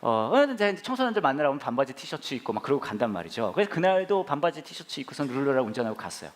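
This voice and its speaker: A man pastor telling stories in a humorous sermon, playful and animated, acting out others and bursting into shouts. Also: mid-range voice, racing. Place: church sanctuary.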